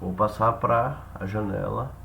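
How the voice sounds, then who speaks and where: A man with a Brazilian accent explaining software step by step, haltingly, repeating phrases and checking in with listeners. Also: on the low side, gravelly, a little hiss or hum. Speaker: instructor demonstrating software. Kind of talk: spoken tutorial, explaining step by step.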